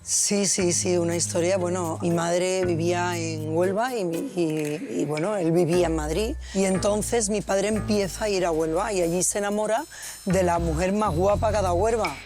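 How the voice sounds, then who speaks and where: Storyteller woman, slightly low voice, animated, does the voices; music bed underneath. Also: moderate pace. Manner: animated, acts out voices in her stories. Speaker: guest. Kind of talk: casual storytelling. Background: background music.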